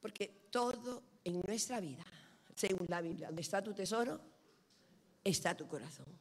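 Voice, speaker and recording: A middle-aged woman preaching from a pulpit. Her voice keeps a moderate pitch. She tells stories animatedly and acts out each quoted line. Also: moderate pace, breathy edge. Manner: animated storytelling, lively quoted dialogue. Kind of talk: sermon.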